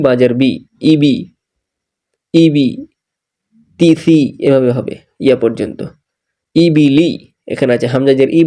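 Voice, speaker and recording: Bangladeshi guy teaching quran reading slow, repeats every syllable, warm low-key tone. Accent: Bangladeshi Bengali. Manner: patient, repeats each syllable and corrects mistakes.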